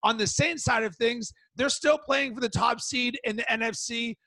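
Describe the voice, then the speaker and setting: Guy with a really high voice doing a solo betting podcast, punchy and emphatic, dry sound. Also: moderate pace, pushed and bright, no room sound. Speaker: podcast host. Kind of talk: sports betting podcast monologue.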